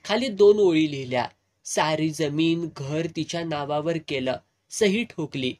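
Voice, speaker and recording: A narrator reading a serialized novel aloud in steady storytelling style. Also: mid-range voice, measured pace. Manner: steady storytelling with rustic village dialogue.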